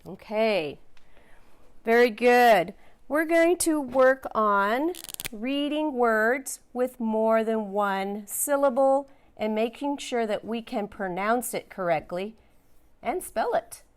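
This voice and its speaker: A woman's voice: fairly high pitch, animated, takes it slowly, clear, resonant tone. A woman teaching a phonics lesson, patiently sounding out letters and words and encouraging her learners.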